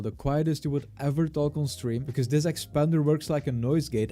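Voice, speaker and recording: An upbeat man talks through a software setup in a casual tutorial voice, pitched right in the middle. He explains each step plainly and keeps an eager, easygoing tone. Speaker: streaming tutorial presenter. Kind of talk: casual screen-recorded tutorial.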